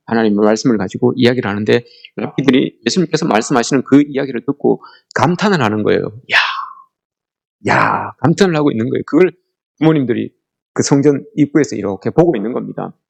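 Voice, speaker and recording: A man's voice: medium pitch, animated, quick pace, vocal fry, a little mellow. A middle-aged man preaching a family worship sermon, telling stories and asking the congregation questions. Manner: storytelling, asks the congregation questions often; acts out quoted lines in a raised voice. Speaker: pastor.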